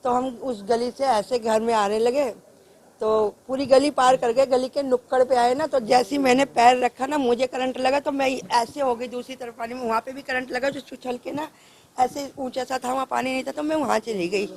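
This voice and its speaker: A woman's voice: sits high, fairly even intonation, normal speed. A woman recounting an accident to a news reporter step by step as an eyewitness. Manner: recounts events step by step, acts out shouts. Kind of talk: news interview testimony.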